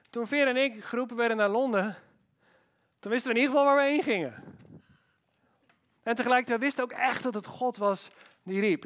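Animated man preaching a sermon. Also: very high voice. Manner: animated, emphatic preaching with rhetorical questions. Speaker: pastor.

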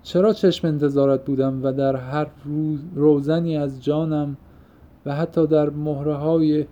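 This audiobook narrator has a voice on the high side, with a level, dark tone that sounds natural. He gives voice to a passionate young man spilling his heart in fervent, poetic bursts, and the recording is muffled and lo-fi.

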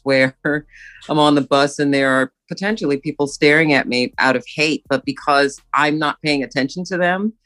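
A woman from Brooklyn, New York, a podcast guest telling her story in a relaxed, candid way. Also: rumbling low, clear, resonant tone. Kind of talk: casual podcast conversation.

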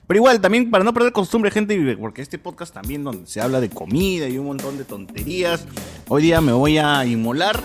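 Quick, lively Peruvian male host, higher voice, clear music bed. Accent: Peruvian Spanish. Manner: animated, fast, playful. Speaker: podcast host. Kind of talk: casual chat.

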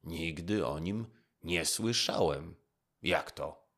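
A man's voice: sits low, slow pace, fairly bright tone, exaggerated voice. A man doing a proud commanding emperor. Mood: demanding. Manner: imperious, demanding.

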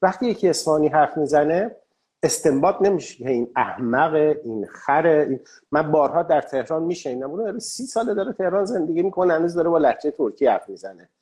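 A man's voice: fairly high pitch, animated, a little mellow. A man interviewing a guest, laying out a pointed question and challenging her.

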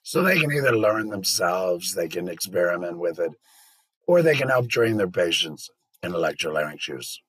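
A man talking as a podcast guest, explaining things in a measured, practical way with a few fillers. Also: low-pitched, lively intonation, fairly bright tone, husky, dry recording, low-quality recording.

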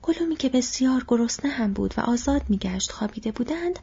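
A woman narrating a storybook in a breathy whispered audiobook reading. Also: on the high side, lively intonation, warm tone. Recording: dull lo-fi recording.

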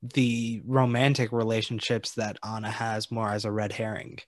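A man's voice: lowish voice, level tone, moderate pace, no echo, clean studio sound. A man co-hosting a podcast, talking through ideas thoughtfully with some hesitation and stammered starts. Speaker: podcast co-host. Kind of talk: casual movie discussion.

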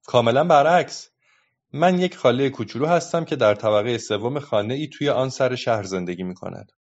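A man voicing a cheeky, quick-witted little girl who talks playfully, in a dull lo-fi recording. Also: medium pitch, expressive.

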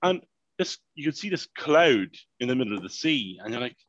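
Animated man telling a story. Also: mid-range voice, brisk, no echo, lo-fi sound. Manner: animated, swears freely, repeats "mayhem" and "unbelievable". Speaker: podcast co-host. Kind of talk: casual storytelling chat.

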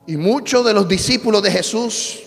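High gravelly preacher shouting in church. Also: male voice, moderate pace, in a large hall, soft background music. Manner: shifts from shouting to hushed storytelling, repetitive cadence. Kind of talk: impassioned sermon. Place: church sanctuary.

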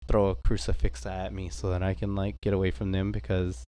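A man's voice: low-pitched, level tone, a little fast, dark tone. A man co-hosting a casual podcast chat with a congested, stuffy-nosed voice from allergies, rambling informally. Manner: rambling, informal, slips into Spanish. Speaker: podcast co-host.

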